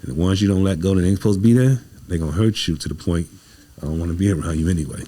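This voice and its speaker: Racing along in a low, mellow voice, an American playwright and director talks motivationally as a podcast guest. His conversational delivery is emphatic and preacherly, with frequent repetition of phrases.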